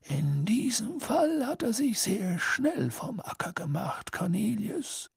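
Casting: male reader as a serene elderly headmaster, hushed and slow, breathy edge. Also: sits high, big pitch swings, no echo, clean studio sound, pitched above the performer's own voice, full character voice. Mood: calm. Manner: quiet, soft and unhurried. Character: calm wise old male headmaster.

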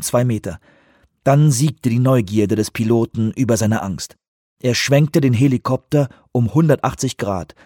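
Husky male audiobook narrator. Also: medium pitch, darkish tone, no echo, studio quality. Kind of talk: scripted narration.

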